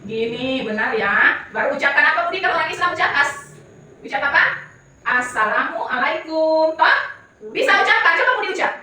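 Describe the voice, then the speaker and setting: A woman's voice: high voice, fast, pushed and bright. Teacher woman talking to young pupils. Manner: coaxing questions to young pupils. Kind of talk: classroom teaching. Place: classroom. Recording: echoey room from far off.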